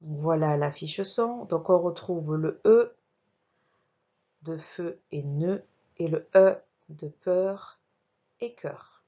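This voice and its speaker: Woman primary teacher, remote phonics lesson, measured and patient delivery, lower voice, muffled home recording. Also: lively intonation, warm tone. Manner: slow, careful, articulating each sound; talks while working the mouse on screen. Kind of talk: remote reading lesson for young children.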